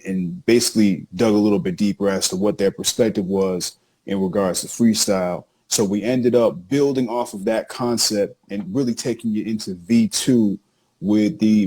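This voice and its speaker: A man co-hosting a casual podcast, animated and hyping up his guest while repeating phrases. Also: lowish voice. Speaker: co-host introducing the show.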